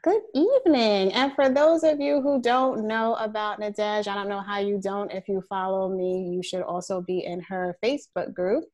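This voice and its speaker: A woman hosting a casual online interview, introducing her guest with chatty, drawn-out emphasis. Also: medium pitch, a little mellow. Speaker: host.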